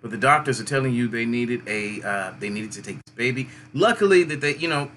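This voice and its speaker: Male call-in host, bright and forceful tone, faint hiss behind; runs callers by number, chatty commentary. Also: medium pitch, animated, brisk. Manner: takes callers by number, talks over a stream.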